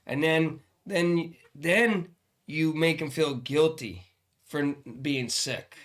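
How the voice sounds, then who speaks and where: A man's voice: fairly high pitch, slow, fairly bright tone. An older man hosting a casual comedy advice chat, talking like a grumpy old man in a blunt, mock-stern way. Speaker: podcast host giving advice as a grumpy grandpa.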